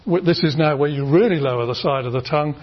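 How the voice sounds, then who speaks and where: A man's voice: on the high side, fast talker. A British man giving a university phonetics lecture, explaining patiently with many fillers and restarts and demonstrating sounds aloud. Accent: British English. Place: lecture room. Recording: dull lo-fi lecture recording.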